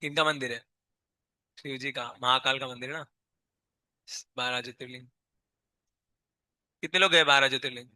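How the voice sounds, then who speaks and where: A man's voice: medium pitch, sharp tone, no echo. A man teaching a live chemistry class with a sore, strained throat, constantly quizzing his students and scolding them.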